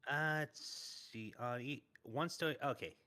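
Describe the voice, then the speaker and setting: A man's voice: medium pitch, unhurried, sharp tone. A male player at a tabletop game, talking casually and thinking aloud over the rules.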